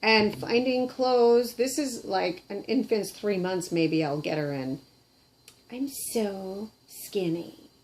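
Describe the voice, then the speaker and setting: A woman's voice: mid-range voice, a little slow, few pauses, slight background noise. Chatty middle-aged Canadian woman at home. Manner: chatty, giggly, self-deprecating. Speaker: puppeteer and vlogger. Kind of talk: casual show-and-tell chat. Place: kitchen table at home.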